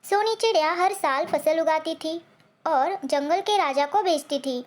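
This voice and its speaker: A woman's voice: very high-pitched, unhurried. A woman narrating a children's cartoon story in a simple, sing-song way.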